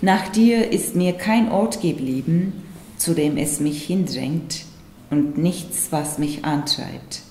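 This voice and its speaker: Woman reading poetry, slow measured delivery, lowish voice, roomy sound, soft music behind. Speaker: poet. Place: room with wooden screen.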